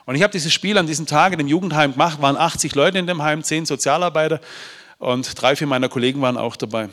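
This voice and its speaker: A man telling a moving story to an audience, swinging between loud bursts and hushed, quiet passages. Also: medium pitch. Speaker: speaker. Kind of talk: motivational storytelling talk. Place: large hall. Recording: hall reverb with faint music.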